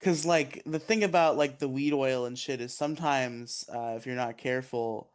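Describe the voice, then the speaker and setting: A man's voice: mid-range voice, normal speed, smooth. A man co-hosting a podcast in casual chat, sleepy and yawning, rambling with lots of fillers. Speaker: podcast co-host.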